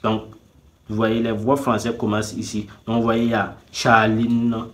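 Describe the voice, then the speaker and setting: A man's voice: on the low side, completely flat delivery, normal speed, fairly bright tone. A man hosting a casual tutorial, thinking aloud as he clicks through a website, repeating the same filler phrase and talking straight to his viewers. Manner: repeats "tout simplement" constantly; talks straight to viewers, teasing them to subscribe. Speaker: YouTube tutorial host. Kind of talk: casual screen-recording tutorial.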